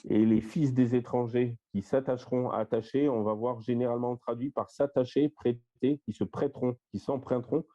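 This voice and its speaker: With a dark-toned, medium-pitched voice and fairly even intonation, a man guides an online Bible study on a shared screen. He lists word meanings one after another in a slow, step-by-step way, peppered with fillers. The voice-call mic gives dull, lo-fi audio.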